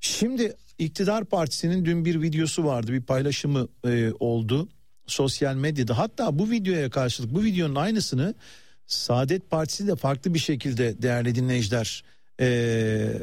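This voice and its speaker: A man's voice: medium pitch, animated, normal speed, a little mellow, dry recording. A man presenting live radio news with commentary, addressing listeners in a hesitant, conversational way and turning to colleagues mid-broadcast.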